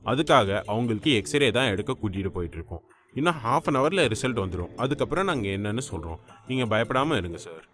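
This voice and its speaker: A man voicing a calm hospital doctor reassuring a worried father, in an audiobook. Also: mid-range voice, quick pace. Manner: reassuring, explanatory.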